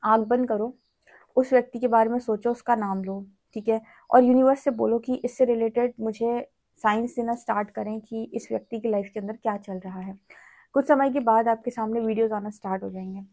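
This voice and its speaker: A woman giving a spiritual tarot reading to camera, explaining gently and often checking in with "theek hai". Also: on the high side, steady tone, brisk. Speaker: tarot reader.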